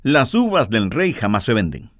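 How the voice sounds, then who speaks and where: Guy doing a gentle king, soft and calm, lots of lilt in the voice, dry sound. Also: medium pitch, moderate pace, dry recording, lightly acted. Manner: soft-spoken, reassuring. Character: kind gentle king, older man.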